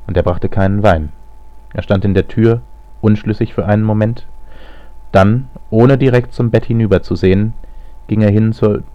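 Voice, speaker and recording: A man reading a novel aloud as a narrator, measured storytelling that also gives voices to the characters. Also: on the low side, no room sound. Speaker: audiobook narrator. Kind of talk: scripted narration. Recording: slightly lo-fi audio.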